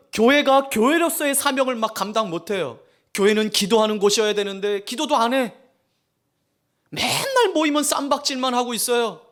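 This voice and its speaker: A male pastor preaching a sermon in a church, telling exaggerated humorous stories in an animated way. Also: high voice. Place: church sanctuary.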